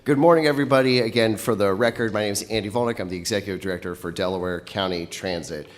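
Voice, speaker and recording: A man's voice: lowish voice, fast. A man presenting a year-end update to a county board, slightly out of breath from a cold, earnest and upbeat with frequent fillers. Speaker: county transit executive director presenting. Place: public meeting room.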